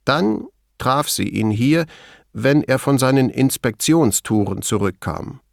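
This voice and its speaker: A man reading an audiobook, voicing a middle-aged male lab chief who is smug and gossipy, raising his voice high and letting it swing widely. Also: a little slow, vocal fry, dry recording, studio quality. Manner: high, animated, mocking bursts.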